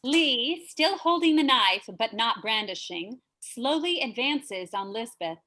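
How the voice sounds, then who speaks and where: Bright lady narrator reading stage directions, dry little asides. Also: fairly high pitch, expressive, slow, poor audio. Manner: matter-of-fact with wry asides.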